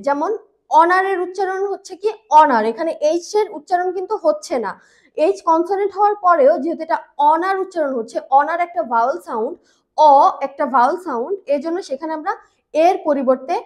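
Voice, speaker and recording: High-voiced woman teaching grammar. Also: animated. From Bangladesh. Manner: patient, repeats key words slowly, frequent fillers. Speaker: English teacher. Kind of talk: grammar lesson explanation.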